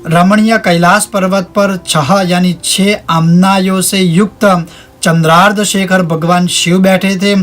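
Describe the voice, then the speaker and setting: A man teaching a devotional ritual, explaining its meaning and reciting Sanskrit verses in a slow, measured chant. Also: high-pitched, fairly even intonation, fairly bright tone. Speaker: religious teacher.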